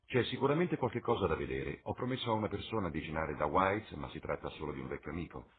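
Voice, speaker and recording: A man voicing a witty, cynical aristocratic gentleman for an audiobook, speaking in a languid, epigrammatic, theatrical way. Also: a bass voice, lively intonation, fast talker. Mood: cynical playful. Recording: tinny lo-fi with faint hiss.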